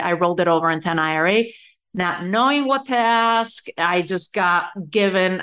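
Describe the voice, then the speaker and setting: A middle-aged Spanish woman speaks at a medium pitch with a slightly bright tone. She's an entrepreneur appearing as a guest on a podcast, recounting her story in a relaxed interview and using lots of fillers as she chats.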